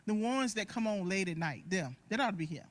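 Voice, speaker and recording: A woman in her forties, a singer and caregiver, chatting as an interview guest from a recording studio over a video call, animated and colloquial. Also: medium pitch, a little fast, dry recording. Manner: expressive, animated, warm-hearted talk with colloquial phrasing. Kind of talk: casual interview talk.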